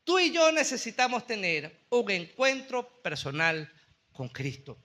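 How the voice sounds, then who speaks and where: A man pastor preaching a sermon in a church, earnestly slowing down on key phrases for emphasis. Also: high-pitched, big pitch swings, sharp tone. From Venezuela.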